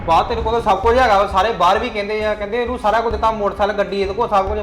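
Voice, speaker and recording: A spoiled teenage son who whines and demands at a quick clip, played by a man. His voice sits high for a man. The skit is recorded in an echoey room with faint music underneath. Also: fairly even intonation, fairly bright tone. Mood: petulant. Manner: whiny, demanding, fast-talking. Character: spoiled younger son, late teens, sulky. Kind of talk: home-made family skit acting.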